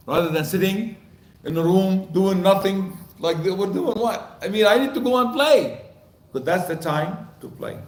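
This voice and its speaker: An older man with a high-pitched voice lectures a congregation in a mosque hall, lively and quizzing his listeners with repeated questions. The sound rings around an echoey hall. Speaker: mosque speaker.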